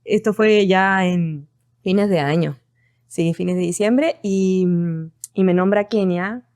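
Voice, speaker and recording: A woman's voice: mid-range voice, darkish tone, clean tone, dry recording, clean studio sound. A woman in her twenties with a Chilean accent, telling her story casually as a podcast guest. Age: 20s. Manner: storytelling with restarts.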